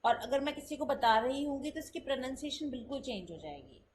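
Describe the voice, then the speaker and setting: A woman teaching spoken English in a lesson, explaining step by step in Hindi mixed with English and saying sample sentences slowly to show the contrast. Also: high voice, animated, a little hiss or hum, low-quality recording.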